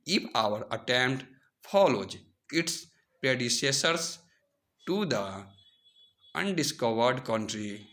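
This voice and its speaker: A man dictates formal prose at a slow, measured speed for someone taking it down. He breaks sentences into short chunks and pauses between them. His voice is bright and forceful, at an average male pitch. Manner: dictating in short, separated phrases with pauses for writing. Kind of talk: dictating, reading aloud a newspaper editorial at measured speed.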